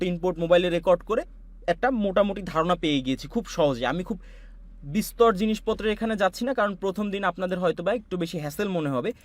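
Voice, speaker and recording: A man from Bangladesh giving an online class, walking students through audio software with patient, repetitive explanations. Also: high-pitched, no echo. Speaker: online course instructor. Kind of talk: screen-share software tutorial.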